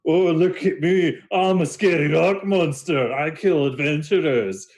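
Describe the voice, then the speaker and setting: A man voicing a jolly male dwarf warrior who giggles, teases and talks in a high voice. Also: unhurried, a little mellow. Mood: gleeful teasing.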